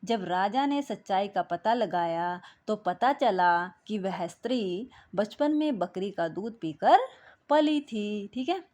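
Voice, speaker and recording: A woman's voice: mid-range voice, a little mellow. Patient woman teacher going through exercises. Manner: patient, repeats "ठीक है" between steps. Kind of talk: explaining textbook exercises to children.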